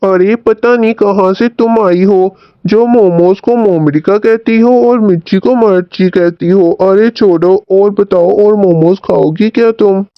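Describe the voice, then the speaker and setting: A man's voice: sits high, measured pace, few pauses, clean tone, no echo, dull audio. A man voicing a chatty, kindhearted young momo seller in a cartoon story, exclaiming and grumbling as he talks.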